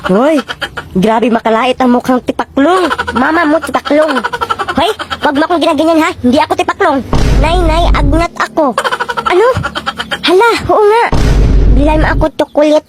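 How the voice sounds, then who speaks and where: A woman performing comedic skits, switching quickly between exaggerated character voices. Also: sits high, background noise. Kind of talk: comedic skit voicing many roles. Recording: with loud background music.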